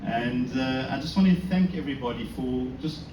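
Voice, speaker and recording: Speaking at a synagogue before an audience, the South African man keeps his religious talk informal, self-deprecating, and full of rhetorical questions. His voice is medium-pitched at a normal speed. The echoey indoor recording comes from a distant mic with background noise.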